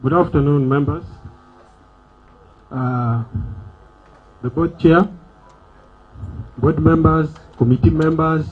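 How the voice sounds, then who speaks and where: A man's voice: a little high, fairly even intonation, slow, pauses often, breathy edge, faint music behind. A man speaking as treasurer, greeting the members formally with hesitant fillers. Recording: tinny, phone-like event recording.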